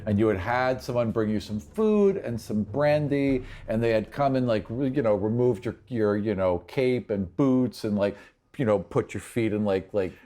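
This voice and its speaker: Narrating off the cuff, this game master describes a tabletop scene conversationally and wanders into rambling asides. His voice is fairly low and mellow, at a normal speed.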